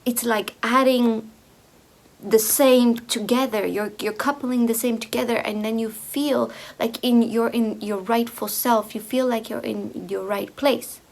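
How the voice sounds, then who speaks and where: A woman speaking slowly and softly in a reflective monologue, often repeating herself and sometimes slipping into a whisper. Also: on the high side, fairly even intonation, gravelly. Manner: slow, soft, drifting into whispers. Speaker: speaker on femininity.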